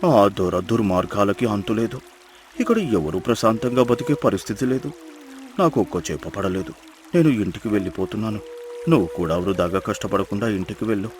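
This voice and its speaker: Man doing a gloomy fisherman pal, low quiet voice, consoling, cartoon dub. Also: expressive, a little fast, soft background music, natural voice. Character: older male village fisherman friend, gloomy and kind. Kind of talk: cartoon dubbing.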